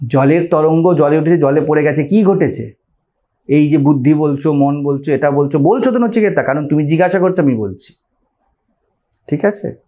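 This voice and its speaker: Speaking with a Bengali accent, a man gives a spiritual lecture on scripture, working through it step by step and frequently testing his listeners' understanding with rhetorical questions. He is a spiritual teacher whose warm voice leans toward the high side.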